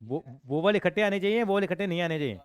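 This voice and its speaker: Male tutor, walks students through each step with quick questions, smooth and dry. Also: high-pitched, expressive, dry recording. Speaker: accounts and maths tutor. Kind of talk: classroom teaching.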